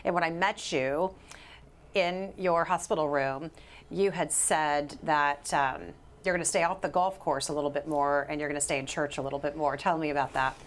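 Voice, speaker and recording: A woman's voice: deep voice, steady tone, moderate pace. A woman hosting a live news show, speaking in an upbeat, conversational way with some stumbling restarts. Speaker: host.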